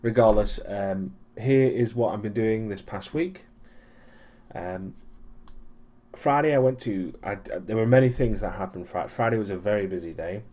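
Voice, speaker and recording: A young man from Europe with a fairly low, warm voice gives a casual weekly vlog recap at a moderate pace. He rambles with lots of ums and restarts and keeps a dry, sarcastic streak.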